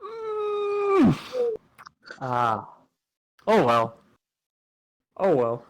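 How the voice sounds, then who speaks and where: Young male host, casual club podcast, playful, swoops around in pitch. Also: very slow, low-quality recording. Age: young adult. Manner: animated, playful, trails off with laughs. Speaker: podcast host asking questions. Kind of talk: casual chat.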